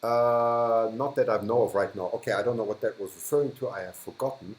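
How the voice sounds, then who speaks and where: A man with a German accent hosts a laid-back livestream, responding to viewer comments, laughing often, and letting sentences trail off. His voice is on the low side with fairly even intonation and a slightly fast pace, heard in a reverberant, rough recording.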